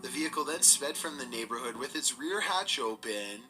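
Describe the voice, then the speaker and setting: A man giving scripted narration for a countdown video, in a steady, measured storytelling delivery. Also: mid-range voice, faint music behind, poor audio.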